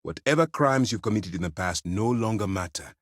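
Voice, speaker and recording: Man playing deep-voiced, stern military commander Kibwe Ikande. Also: animated, fairly quick, no echo, studio quality, lightly acted. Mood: measured, resolute. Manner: formal, authoritative, clipped commands. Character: stern, principled male military commander of a space fleet. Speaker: voice actor. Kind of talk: scripted video game character dialogue.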